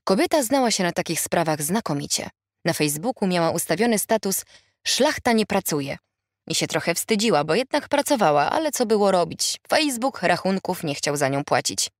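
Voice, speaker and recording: A woman with a fairly low voice reads a humorous novel aloud in a wry, measured way. She is recorded close to the mic in a dry studio. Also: very animated, dry recording. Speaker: audiobook narrator. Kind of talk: scripted narration.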